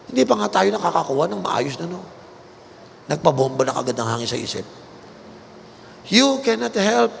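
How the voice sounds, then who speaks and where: A man with a Filipino accent preaches with emphatic force, his gravelly voice sitting a little high for a man. The sermon rings out through a large hall with a long echo, with a faint hiss underneath. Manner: emphatic preaching, mixing English into his talk. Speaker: bishop and pastor.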